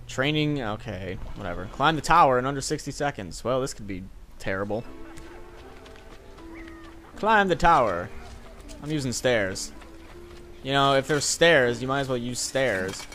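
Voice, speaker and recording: A man's voice: medium pitch, animated, normal speed, pauses often, fairly bright tone, soft background music. A young man casually commenting on his gameplay, sarcastic and swearing, joking at his own mistakes. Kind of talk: casual let's-play commentary.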